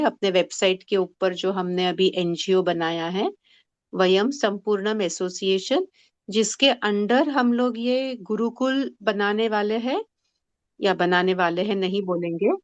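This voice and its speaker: A woman leads a group session, speaking slowly and mixing Hindi with English phrases. The sound is dry and dull, like a lo-fi recording with no room around it. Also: mid-range voice, steady tone, dry recording. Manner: mixes Hindi with English phrases, explains patiently. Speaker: spiritual workshop leader.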